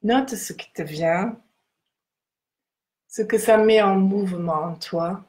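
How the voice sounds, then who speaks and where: A woman teaching in a guided meditation style, speaking in a measured, instructive way with deliberate pauses as she leads a contemplative reading. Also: mid-range voice, a little mellow.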